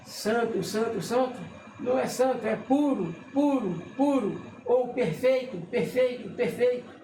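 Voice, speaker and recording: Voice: medium pitch, animated, a little slow, warm tone. A religious teacher, explaining casually while reading from a list, often checking in with the listener and stopping to correct themself. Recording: echoey room with faint noise.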